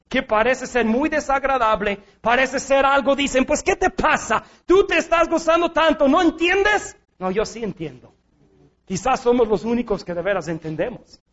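A man preaching a sermon, emphatic, moving between quiet and shouted lines. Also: high voice, lo-fi sound.

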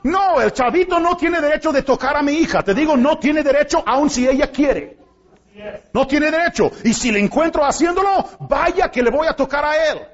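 A man's voice: very high voice, animated, normal speed, lo-fi sound. A man pastor preaching a sermon to a congregation in an emphatic style, with rhetorical questions and joking asides. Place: church before a congregation.

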